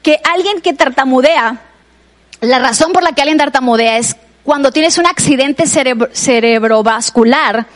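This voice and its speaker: A woman with a Mexican Spanish accent preaching a sermon in a conversational way, often turning to address the listener directly. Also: high-pitched.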